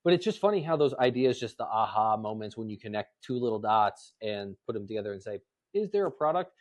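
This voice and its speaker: A man's voice: fairly low pitch, fast talker. A man hosting a podcast interview, chatting casually and repeating words as he talks. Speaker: podcast host.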